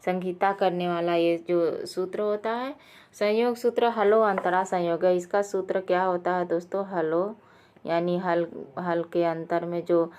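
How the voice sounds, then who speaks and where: Woman, clear smooth voice, exam quiz teacher, talks straight to viewers, fillers and self-corrections. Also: on the low side, a little mellow. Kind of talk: quiz lesson explaining answers.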